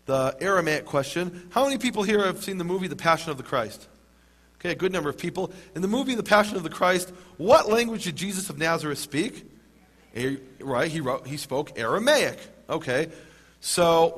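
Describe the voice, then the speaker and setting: High-voiced man giving a wry lecture. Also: a bit bright. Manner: wry, dry humor, emphatic on key words; slows down to stress words. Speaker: lecturer on Hebrew scriptures. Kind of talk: lecture to a live audience.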